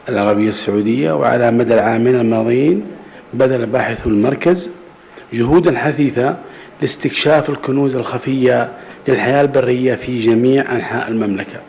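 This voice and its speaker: Older male official, very rapid formal speech, conference podium, slight background noise. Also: medium pitch, darkish tone. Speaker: chief executive giving an official address. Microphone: podium gooseneck microphone. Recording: faint room noise.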